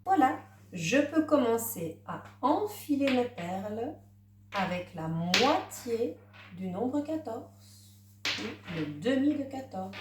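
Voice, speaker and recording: A woman teacher giving a gentle math lesson to a young child, counting aloud step by step. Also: on the high side, big pitch swings, takes it slowly, reverberant, far from the mic, background noise. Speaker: primary school teacher.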